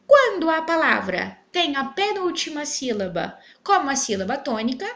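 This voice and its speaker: Lively, bright-voiced woman teacher. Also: high-pitched, moderate pace. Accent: Brazilian Portuguese. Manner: clear, emphatic, stretches syllables when spelling out words. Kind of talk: online grammar lesson.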